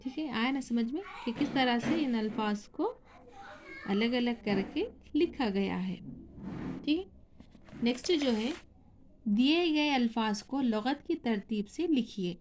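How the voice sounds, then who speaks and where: A woman's voice: on the high side, animated, background noise. A woman teaching a recorded lesson, spelling words out letter by letter and asking questions she then answers herself. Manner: spells out letters slowly, asks and answers her own questions. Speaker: school teacher. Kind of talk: classroom lesson.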